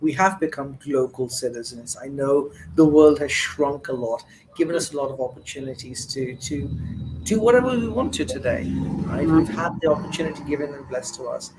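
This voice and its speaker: A man's voice: medium pitch, animated, normal speed, noisy background. A man hosting an interview show, effusive and full of thanks, with fillers and restarts. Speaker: host.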